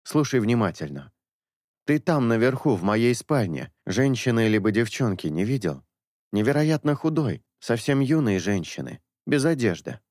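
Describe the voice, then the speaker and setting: A man's voice: mid-range voice, sing-song, moderate pace, a little mellow, no room sound, clean studio sound, lightly acted. Man voicing a patient, coaxing young priest. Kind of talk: audiobook character dialogue.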